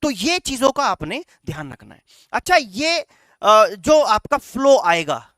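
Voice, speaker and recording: A man's voice: extremely high pitch, big pitch swings, measured pace, a bit bright, no room sound, studio quality. A man coaching students in a lecture, mixing English phrases into his Hindi, calling them "beta" and checking in with "right?" after each point. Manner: instructive, repeats "right?" and "चलेगा" to check in; calls the students "बेटा". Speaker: coaching teacher. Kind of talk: classroom lecture.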